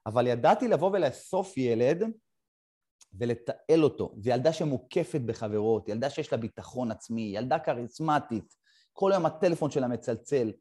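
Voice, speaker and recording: A middle-aged man hosting a conversation and telling a personal story, haltingly, with short pauses. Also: medium pitch, animated, mellow. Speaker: podcast host. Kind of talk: casual conversation.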